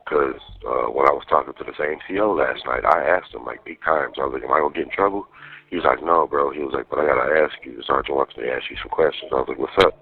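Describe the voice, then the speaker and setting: A man with an extremely low, gravel-edged voice talks on a prison phone. His delivery is casual, slangy and profane, like private storytelling, and the muffled lo-fi line dulls his husky voice. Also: fast talker. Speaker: jail inmate calling partner.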